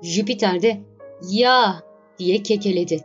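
Woman, audiobook narration, even storytelling, muffled low-fidelity sound. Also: normal speed. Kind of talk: scripted narration of a classic novel. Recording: dull lo-fi recording with faint music.

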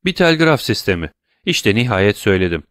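A gracious, worldly count, read by a man in an audiobook, speaking in long, elaborate, courtly sentences. The voice is lowish and recorded dry and close. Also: sing-song, fairly quick, fairly bright tone, no room sound.

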